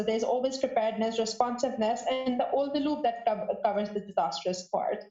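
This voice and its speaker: A fairly high-pitched woman speaks on a podcast panel, thinking aloud as she goes, with frequent restarts and fillers. Her voice sounds roomy and a little dull, like a lo-fi online call. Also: a little mellow. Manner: halting, restarts and searches for words. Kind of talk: unscripted answer to a question.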